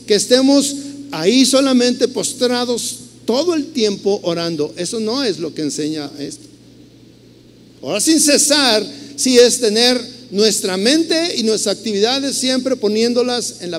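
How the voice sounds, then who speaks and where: A Mexican man preaching with an earnest storytelling delivery and a fairly high voice. His words ring with a long reverb, as in a large hall. A faint noise sits under the sound. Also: animated, a little slow. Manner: earnest storytelling, many restarts. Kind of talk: sermon.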